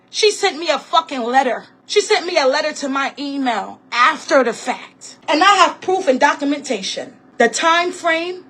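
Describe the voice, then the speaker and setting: A woman vlogger with a high, somewhat bright voice delivers a heated, profane rant about her personal life. She is emphatic and repeats herself as she tells the story, acting out what other people said.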